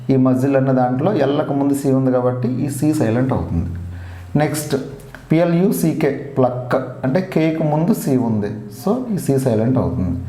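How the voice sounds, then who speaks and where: A man with a Telugu accent and a fairly high, mellow voice teaches an English grammar lesson. He patiently repeats each rule and spells words out letter by letter. The recording has a roomy echo.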